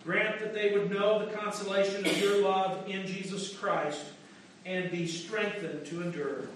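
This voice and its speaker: A man leading liturgical prayers as pastor, intoning in a measured, solemn way, his voice ringing through a large church. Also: high voice, steady tone, fairly bright tone, distant mic, slight background noise. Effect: large church echo. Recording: echoey church heard from afar.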